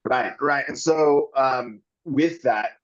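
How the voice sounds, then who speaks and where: A man's voice: medium pitch, takes it slowly, dull audio. A man guesting on a podcast, talking candidly and earnestly in long rambling runs with frequent restarts.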